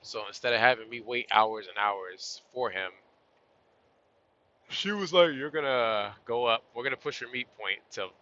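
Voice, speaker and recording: Speaking at medium pitch and a moderate pace, a truck driver vlogger sounds pushed and bright, though a little hoarse as he loses his voice. He rambles in a relaxed, chatty southern way, "y'all" included, talking to camera while driving his cab down the road. The phone or tripod-mounted camera yields dull lo-fi audio.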